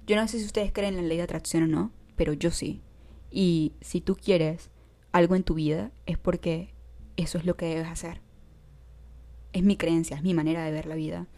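A young Venezuelan woman giving casual life advice straight to the viewer, animated and direct. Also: fairly low pitch, normal speed. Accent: Venezuelan Spanish. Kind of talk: casual motivational talk to camera.

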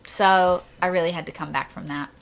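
A woman's voice: on the low side, fairly even intonation, fairly quick, vocal fry. A young woman telling a story as an interview guest, acting out the dialogue and laughing often. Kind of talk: casual interview chat.

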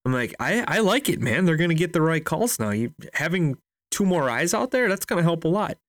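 Man, podcast co-host, casual sports chat, animated, acts out other voices, dry close sound. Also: on the high side, fairly quick, dry recording. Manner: animated storyteller, acts out shouting fans.

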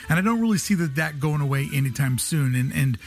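Male host, higher-than-average pitch, jokey and opinionated, chatting casually over music. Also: lively intonation, quick pace, creaky.

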